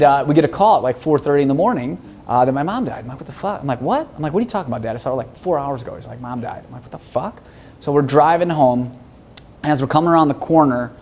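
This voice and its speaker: A man, a real estate broker being interviewed, talking bluntly and profanely in animated stories. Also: medium pitch. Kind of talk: casual podcast interview.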